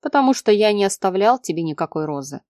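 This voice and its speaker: A woman voicing a guarded, brooding young man in an audiobook, speaking in a quiet, clipped way with her voice pitched lower than her narration. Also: expressive, fast, dry recording, studio quality, lightly acted. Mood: tense. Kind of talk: audiobook character reading.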